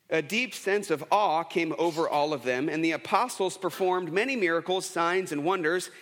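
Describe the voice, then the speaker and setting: This pastor, a man in his thirties, keeps his sermon conversational and full of stories, laughing at himself and restarting often. His fairly bright, higher voice echoes with long reverb through the church sanctuary.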